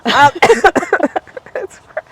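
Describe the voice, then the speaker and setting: A woman in her thirties, talking in a casual podcast chat, with a somewhat high voice worn raspy by illness. She tells stories in a chatty, laughing way and coughs between sentences. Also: expressive, drawn-out words, fairly bright tone. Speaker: podcast guest.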